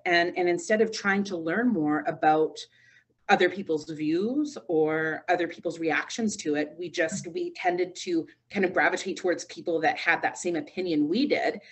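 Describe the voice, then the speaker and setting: A woman's voice: on the low side, moderate pace, slightly rough. A woman in her thirties, a radio morning show host, talking in a casual interview and telling stories with acted-out quotes. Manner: animated storytelling, acts out quoted voices.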